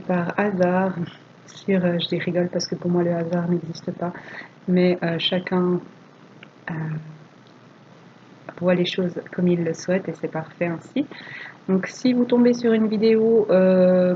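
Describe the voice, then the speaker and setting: Woman, card-reading host; slow, flat delivery full of hesitations, slightly muffled lo-fi recording. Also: mid-range voice, a little hiss or hum. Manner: hesitant, frequent "euh" fillers; asks the cards aloud, gentle and patient. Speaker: tarot and oracle card reader. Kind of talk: monthly card reading for viewers.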